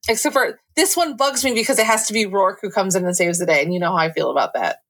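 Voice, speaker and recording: A woman's voice: medium pitch, quick pace, a bit bright. A woman co-hosting a casual book review podcast who talks bluntly and swears freely as she vents about the story. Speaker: podcast co-host.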